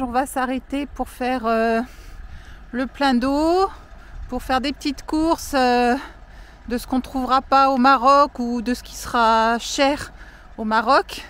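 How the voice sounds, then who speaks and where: A woman's voice: a little high, a bit bright, clean tone. Chatty middle-aged woman filming outdoors. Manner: chatty, many hesitations. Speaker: vlogger. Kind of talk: casual travel vlog narration. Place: outdoors by a camper truck.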